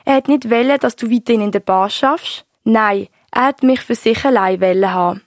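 A woman's voice: fairly high pitch, normal speed, no room sound, clean studio sound, lightly acted. A woman voicing a young grandchild who interviews her grandmother for school, with a Swiss German accent and eager, pushy questions. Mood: curious.

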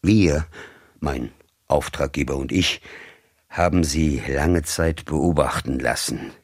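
Brief: man playing a cold, formal agent, very deep, slow, husky. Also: dry recording, studio quality, heavily acted. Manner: cold, formal, measured, turning commanding. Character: cold, commanding middle-aged male agent of a rich employer.

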